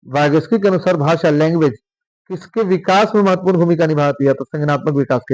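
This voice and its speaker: A man's voice: a little high, a little mellow, dry recording, poor audio. A man teaching an exam-prep lesson, going through multiple-choice questions and answering his own questions aloud. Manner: explains by asking questions aloud and answering them himself.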